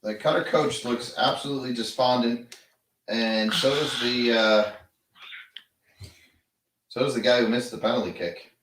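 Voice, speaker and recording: A man's voice: mid-range voice, measured pace, long pauses, fairly bright tone, slight background noise. A middle-aged man gives casual match commentary with dry, matter-of-fact remarks. He sits back from the mic, so his voice sounds distant. The room is echoey. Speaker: co-commentating father. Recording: roomy sound from away from the mic.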